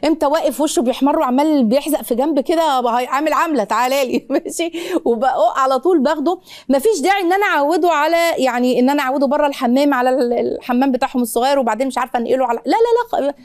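A middle-aged woman with an Egyptian accent hosting a parenting advice show, giving rapid, animated answers to viewer questions with playful voices and many restarts. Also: high-pitched. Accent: Egyptian Arabic.

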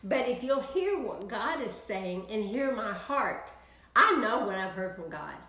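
An older woman minister with a Texan accent takes her time, her mid-range voice unhurried as she preaches a prayer broadcast sermon online from a home office. She's animated, gesturing broadly, and the space sounds roomy.

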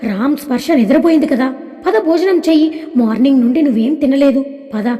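A man's voice: extremely high pitch, fairly quick, dark tone. A woman voicing a young man who teases and scolds in a storybook reading. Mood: teasing. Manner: teasing scolding. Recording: long hall reverb.

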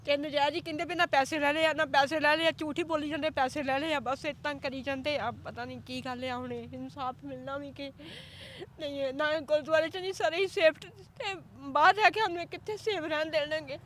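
Distressed middle-aged woman, rapid and high. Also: fairly even intonation, a bit bright. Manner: distressed, rapid complaining account. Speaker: evicted resident interviewed. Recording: faint traffic noise outdoors.

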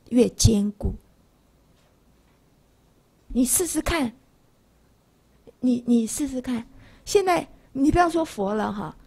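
A woman in her sixties from Taiwan, speaking, gives a lively Buddhist lecture in a classroom. She keeps asking her listeners rhetorical questions. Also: a little high, gravelly, slightly rough. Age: 60s.

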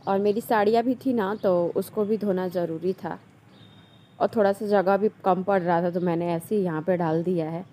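A woman's voice: fairly low pitch, fairly even intonation, moderate pace, mellow, a little hiss or hum. A young woman narrating her family vlog in a chatty, homely way, talking straight to her viewers. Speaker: family vlogger.

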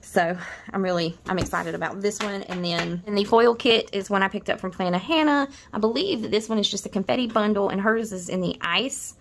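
A woman's voice: mid-range voice, brisk, creaky, slight background noise. A middle-aged woman chatting casually while showing off planner kits, rambling with many restarts and a tender, wistful tone. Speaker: planner vlogger.

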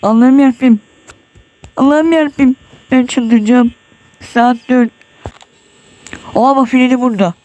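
A man's voice: very high voice, fairly even intonation, measured pace, pauses often, darkish tone. A nervous man commenting on his horror game run, muttering prayers and yelping when startled. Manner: tense, jumpy, muttering prayers and exclamations. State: sweating, nervous. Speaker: gamer.

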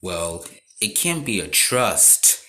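A woman playing a game and reacting aloud in a bossy way, telling the game to be quiet and gasping at surprises, over loud background noise. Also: extremely low pitch, very animated, slow.

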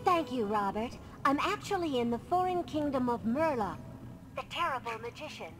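Daisy, high-voiced cartoon reporter. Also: female voice, animated, normal speed. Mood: urgent, secretive. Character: plucky female cartoon duck news reporter. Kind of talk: dramatic live news report in a game cutscene. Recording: game audio under loud music.

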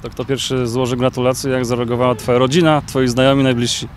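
A man's voice: mid-range voice, flat delivery, quick pace. Guy reporter asking long questions outside, average voice, some ums, light outdoor hiss. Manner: long questions with filler sounds. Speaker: sports reporter. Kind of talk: interview questions. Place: outdoors by a football pitch. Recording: faint outdoor noise.

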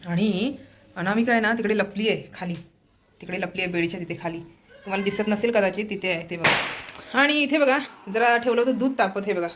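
A woman's voice: medium pitch, a little hiss or hum. A woman from Maharashtra chatting casually to viewers as she shows around her home, keeping up a running commentary. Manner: chatty, keeps pointing things out to viewers. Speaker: family vlogger. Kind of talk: casual home vlog narration. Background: background music.

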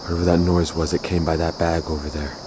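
A man plays a frightened young man recording himself in a horror film. His low voice is hushed, breathless and panicked. Clear outdoor noise with crickets surrounds him in the woods. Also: level tone, fast, lightly acted. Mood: scared, hushed. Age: young adult. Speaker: actor in found-footage short film. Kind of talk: found-footage horror acting, talking to camera. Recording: noisy outdoor camera sound.

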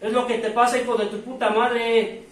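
Shouting Mexican man in an echoey hall. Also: very high-pitched, level tone, normal speed. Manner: shouting, harsh and profane. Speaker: speaker at a recovery group meeting. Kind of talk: confrontational testimony. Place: recovery group meeting room. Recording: very echoey hall, distant mic, crowd.

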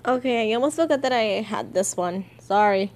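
A young woman video creator reacts to comics with casual, halting commentary, giggling as she goes. Her voice is medium in pitch.

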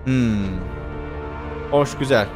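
A man's voice: mid-range voice, extremely slow, music in the background. A young man casually commenting on a video game while he plays, chatty and joking, with many filler sounds. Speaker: gameplay commentator. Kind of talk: casual let's-play commentary.

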